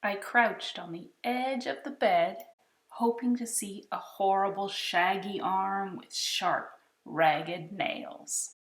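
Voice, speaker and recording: A woman reading a children's picture book aloud, expressive and unhurried. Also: mid-range voice, roomy sound. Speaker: storytime reader.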